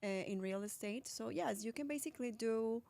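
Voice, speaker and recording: A woman's voice: on the high side, moderate pace, vocal fry, a little mellow, no room sound. A woman born in Colombia and raised in Philadelphia, talking casually as a real estate agent guest, with restarts and fillers. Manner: chatty, restarts, many fillers. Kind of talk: casual interview answers.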